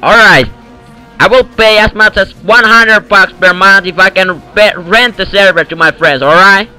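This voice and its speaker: Over a headset in game voice chat, a man with an Eastern European accent trolls other players, bragging in broken English as if running a prank call. His voice is high, smooth and sharp-toned at a moderate pace, with faint music in the background on a low-quality recording.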